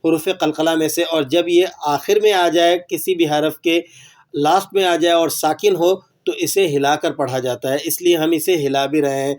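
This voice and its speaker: High-voiced man teaching recitation rules. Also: steady tone, a little mellow. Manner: patient, poses questions then answers them; repeats phrases slowly for learners to echo. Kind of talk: tajweed lesson.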